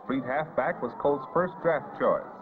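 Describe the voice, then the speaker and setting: 1950s newsreel narrator, tinny vintage sound. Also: male voice, mid-range voice, unhurried. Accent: American. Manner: scripted, announcer-like delivery. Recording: muffled vintage newsreel audio, phone-like band. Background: loud background music.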